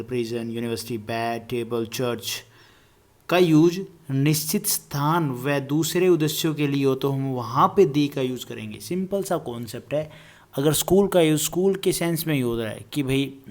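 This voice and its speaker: Man teaching English grammar in Hindi. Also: mid-range voice. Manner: dictates English examples slowly word by word; lists words one by one, repeating some. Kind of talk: classroom grammar lesson.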